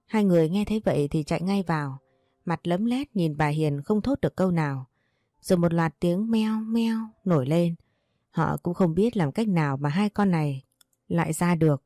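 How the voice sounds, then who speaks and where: A woman reading a melodrama story aloud, voicing every character in the same steady tone. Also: on the low side, dry recording, studio quality. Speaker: narrator.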